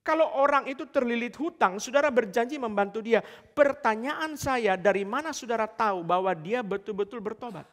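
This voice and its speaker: A man's voice: extremely high pitch, brisk, a bit bright. A male pastor preaching a sermon, emphatic and repeatedly addressing the congregation. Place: large church hall. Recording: long church hall reverb.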